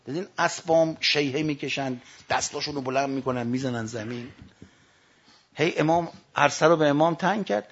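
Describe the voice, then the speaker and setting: A man preaching a sermon, telling stories and quoting sayings, rising to loud emphatic lines and dropping to hushed quotes. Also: a little high, breathy edge. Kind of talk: religious sermon with storytelling. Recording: dull lo-fi recording.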